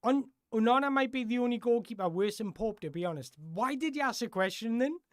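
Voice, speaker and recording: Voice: mid-range voice, animated, fairly quick, dry recording, studio quality. A live-stream football host chatting casually through viewer questions, rambling and correcting themself as they go.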